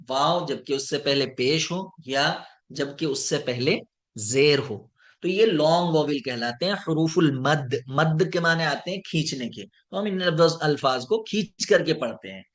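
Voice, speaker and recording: A man teaching an online lesson, slowly drawing out each example word and checking in with his students. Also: fairly high pitch, a bit bright. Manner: slow, deliberate, drawing out example words; checks in with students, addressed as sir. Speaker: Arabic teacher.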